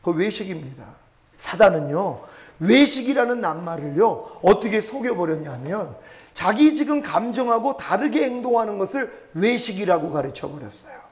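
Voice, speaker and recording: A man's voice: high-pitched, sing-song, normal speed. A middle-aged man, a pastor, preaching a sermon and telling a personal testimony with emotion, acting out prayers and quoted voices.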